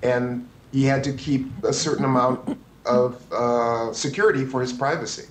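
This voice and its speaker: A man in his fifties, a photographer telling stories as an interview guest, animated and prone to restarts. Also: mid-range voice, normal speed, roomy sound, a little hiss or hum, low-quality recording. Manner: animated, restarts and acts out quotes. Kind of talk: anecdotal interview storytelling.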